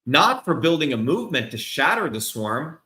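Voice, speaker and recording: A man's voice: a little high, very animated, normal speed, bright, forceful tone, reverberant. A middle-aged man giving an angry, profane livestream rant as a political candidate. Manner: profane, heated, emphatic. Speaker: political candidate speaking to supporters.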